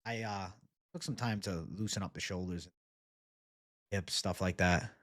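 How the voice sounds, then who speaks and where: Deep-voiced and unhurried, this livestream host in his 20s casually chats with his audience, reading their comments and answering in slangy bro-talk laced with swearing. The recording is dry and cleanly studio-produced.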